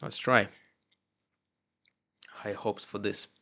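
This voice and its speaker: Slow, gravelly man with a Russian accent. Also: on the low side, steady tone, pushed and bright. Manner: muttering to himself with halting restarts. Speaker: coding streamer. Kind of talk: live coding commentary.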